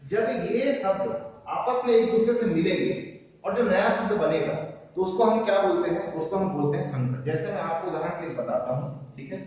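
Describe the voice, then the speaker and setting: A man's voice: high-pitched, moderate pace, darkish tone. A man teaching a Hindi grammar class online, giving word examples and often checking in with his students. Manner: explains with examples and frequent "theek hai" checks. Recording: echoey room, voice far from the mic.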